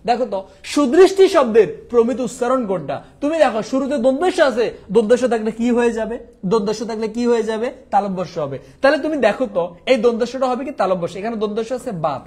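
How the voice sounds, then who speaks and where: A young man from Bangladesh teaching a quick exam revision lesson, asking questions and answering them himself. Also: very high voice, expressive, darkish tone.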